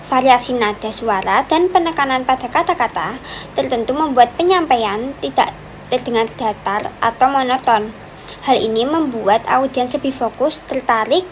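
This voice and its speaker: A woman's voice: sits high, rough recording. A young woman giving a class presentation, reading steadily through numbered points. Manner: steady listing with repeated "dan yang kedua" connectors. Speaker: student presenter. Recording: faint background noise.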